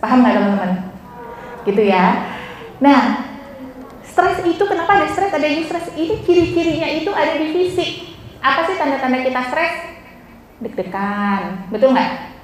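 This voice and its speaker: A woman giving a lively, interactive mental health talk to teenagers, often asking the audience questions. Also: sits high, normal speed, long pauses. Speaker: seminar speaker on mental health. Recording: echoey hall with faint noise.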